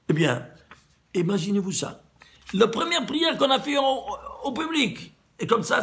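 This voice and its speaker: Un rabbin qui donne un cours de Torah sur les valeurs numériques, animé, qui pose ses propres questions et se reprend souvent. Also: male voice, on the high side, gravelly. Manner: animated, asks and answers his own questions, stumbles and repeats words. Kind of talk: Torah lesson on gematria.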